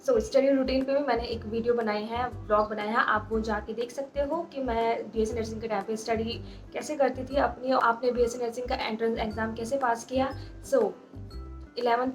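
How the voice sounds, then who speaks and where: A woman in her twenties answering viewer questions in a casual vlog, talking fast and mixing in English words, recorded on a handheld phone. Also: a little high. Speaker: nursing graduate vlogger. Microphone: phone held in hand.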